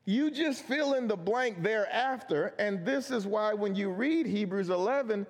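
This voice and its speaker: A man's voice: high-pitched, lively intonation, a little slow. A man preaching a Bible study sermon, earnest and emphatic, asking questions and answering them himself. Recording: long hall reverb.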